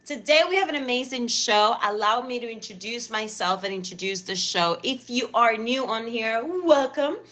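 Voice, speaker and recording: In her thirties and from Cuba, she hosts a live stream talk show in a Cuban Spanish accent, chatty and effusive, with thanks offered over and over. Her voice is on the high side and expressive, a bit bright, moving at a normal speed with few pauses.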